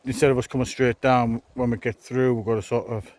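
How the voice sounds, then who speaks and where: A man's voice: mid-range voice, steady tone, a little fast, a little mellow. A man casually vlogging on a hike outdoors, talking in a laid-back, wry way. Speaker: hiking vlogger. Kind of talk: casual chat to camera while hiking. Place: outdoors on a wet, windy hiking trail. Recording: noisy, windy outdoor walking recording.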